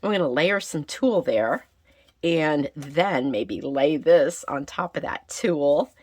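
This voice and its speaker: A woman with a gravelly, raspy whiskey voice, roughened by a recent illness, hosting a casual craft tutorial and chatting as she thinks aloud. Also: low voice, animated, slow, a little mellow, dry recording, clean studio sound. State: getting over a recent illness. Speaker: craft channel host.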